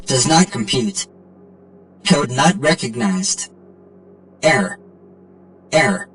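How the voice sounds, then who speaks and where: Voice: medium pitch, expressive, slow, fairly bright tone, faint music behind. Hal, a glitching ship robot. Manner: clipped, mechanical phrasing. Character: malfunctioning ship robot with flat, repeating alarms.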